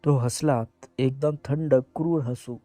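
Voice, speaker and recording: A man narrating a dramatic audio story in a measured, emotive way. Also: medium pitch, fairly even intonation, warm tone. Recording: narration over faint background music.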